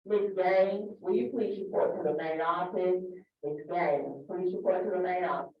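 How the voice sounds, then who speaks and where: A woman's voice: fairly low pitch, steady tone, normal speed. A woman making a plain, repeated public address call to the office over a school intercom. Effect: school intercom announcement. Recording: muffled echoey loudspeaker heard from far off.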